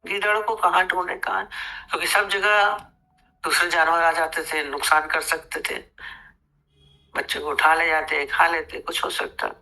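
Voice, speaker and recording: A woman spiritual teacher giving a sermon in a conversational, animated manner as she tells a fable. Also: on the low side, a little slow, low-quality recording. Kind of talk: sermon with storytelling.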